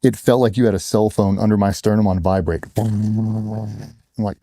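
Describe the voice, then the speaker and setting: Dark-voiced man, candid and blunt. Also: on the low side, fast talker, no echo, studio quality. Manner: blunt, casual, with acted-out quotes. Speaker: interview guest, former Navy SEAL. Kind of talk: candid personal storytelling.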